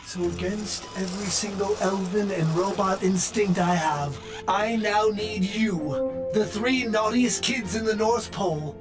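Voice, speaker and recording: Slow, bossy robot elf. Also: male voice, sits high, music in the background. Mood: stern. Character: bossy male robot elf, strict rule-follower. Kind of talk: animated film voice acting.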